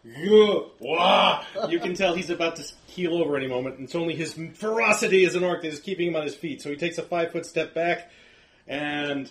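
A man's voice: on the high side, fast, a crowd in the background. Jovial man running a game, echoey room. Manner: jovial, laughs readily. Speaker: game master. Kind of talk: casual tabletop game narration. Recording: echoey room, faint clicky noise.

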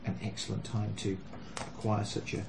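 A man's voice: on the low side, monotone, a little fast, creaky, crowd noise. A man acting as game master, narrating a tabletop role-playing game to the players. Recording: noisy room recording.

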